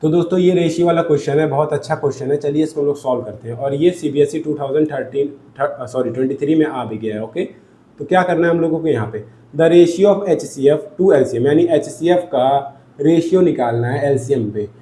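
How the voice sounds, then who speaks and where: A man's voice: a little high, brisk, warm tone, echoey room, a little hiss or hum. Man talking through a maths lesson. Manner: talks through sums aloud, asks and answers his own questions. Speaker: maths teacher. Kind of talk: step-by-step board lesson.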